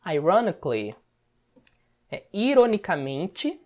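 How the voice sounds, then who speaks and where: A woman's voice: on the low side, very animated, a little mellow. Brazilian woman teaching English step by step. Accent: Brazilian Portuguese. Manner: explains word by word, often checks with a quick "tá?". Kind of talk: step-by-step language lesson.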